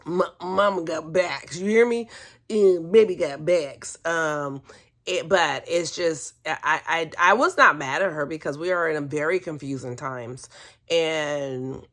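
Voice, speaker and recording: A woman with a deep, fairly bright voice recounts a personal story at a measured pace as a vlogger. Her manner is casual, candid and chatty, often amused, with hesitations while she finds the right words.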